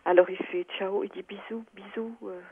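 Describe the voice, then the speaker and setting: A woman's voice: medium pitch, fairly even intonation, normal speed, breathy edge. A woman calling in to tell a personal story, talking hesitantly with many fillers and restarts. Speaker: caller. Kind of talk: phone-in personal account. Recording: tinny phone line.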